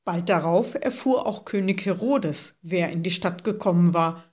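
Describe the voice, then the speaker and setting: A woman's voice: fairly low pitch, normal speed, darkish tone, slightly rough. Woman reading a children's story. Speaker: narrator.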